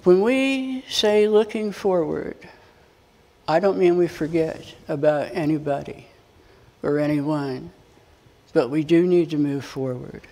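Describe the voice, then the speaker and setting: A man's voice: fairly high pitch, slow pace, gravelly, darkish tone. A middle-aged American man preaching, telling a personal story in a folksy way, acting out the dialogue and chuckling as he goes. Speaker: pastor. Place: church sanctuary. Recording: long reverb of a church hall.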